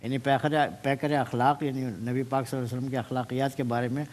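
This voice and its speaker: A man's voice: mid-range voice, level tone, darkish tone. A man, a senior judge, reflectively explaining word meanings to students and slipping into English phrases. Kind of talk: giving feedback to students. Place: TV studio.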